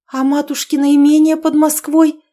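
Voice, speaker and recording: A woman voicing a young noblewoman who cries out in shrill, frantic alarm. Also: little pitch movement, normal speed, mellow, natural voice. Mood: distraught.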